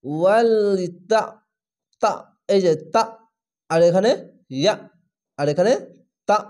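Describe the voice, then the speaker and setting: A man with a notably high voice leads a step-by-step Quran reading lesson. He draws recited words out at a very slow pace, then drops into plain, patient explanation of each reading rule. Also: darkish tone.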